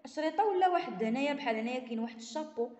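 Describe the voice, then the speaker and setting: A Moroccan woman teaches a primary-school lesson, reading each French sentence slowly and then explaining it in a quick run. Her voice sits a little high. The recording rings with long reverb, as in a bare, echoey room. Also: lively intonation, a little mellow.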